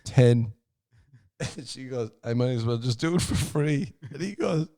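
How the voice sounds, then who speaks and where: A man's voice: medium pitch, lively intonation, unhurried, warm tone. A man hosting a comedy podcast in casual chat. He swears freely, laughs often and reads tweets aloud. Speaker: podcast host.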